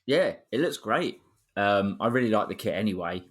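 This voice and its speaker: A man's voice: fairly low pitch, lively intonation, normal speed, slightly rough. A man co-hosting a football fan podcast, easygoing and chatty, retelling stories with quoted asides. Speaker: podcast co-host. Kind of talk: casual fan chat.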